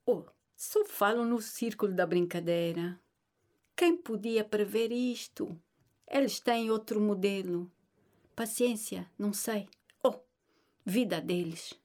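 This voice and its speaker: A woman voicing an older grandmother who speaks in a measured, soothing way and turns firm when she gives orders. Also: medium pitch, darkish tone, natural voice. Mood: resigned.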